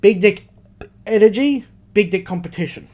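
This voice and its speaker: Here an Australian co-host swaps casual banter with mates on a podcast, his high-pitched voice a little mellow and moderately paced. Blunt and emphatic, he swears often.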